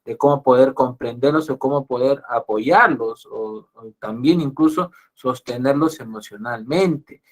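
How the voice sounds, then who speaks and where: A man's voice: mid-range voice, a little slow, few pauses. A Peruvian psychologist giving an online lecture to an audience, often repeating and restarting his phrases. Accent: Peruvian Spanish. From Peru. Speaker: psychologist giving a webinar talk.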